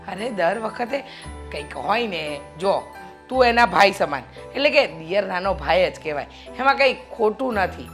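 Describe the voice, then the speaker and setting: A woman's voice: mid-range voice, expressive, moderate pace, faint music behind, lightly acted. An actress playing a middle-aged mother-in-law who lectures her son and scolds her daughter-in-law. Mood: soothing.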